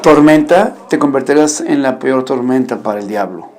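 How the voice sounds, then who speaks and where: A man's voice: medium pitch, lively intonation, normal speed, heavy background noise. A man preaching a sermon, emphatic and exhorting, often putting rhetorical questions to his audience. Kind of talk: Spanish-language sermon.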